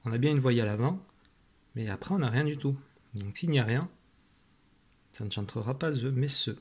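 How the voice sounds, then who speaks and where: A man teaching a spelling lesson, slowly sounding out syllables with patient guidance to a child at home. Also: medium pitch, expressive, slightly rough. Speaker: primary school teacher.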